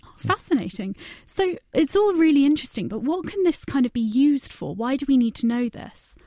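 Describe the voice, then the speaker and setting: A woman's voice: high-pitched, expressive, fairly quick, warm tone, no echo, clean studio sound. Chatty female radio presenter. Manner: chatty, enthusiastic questioning. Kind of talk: radio science show.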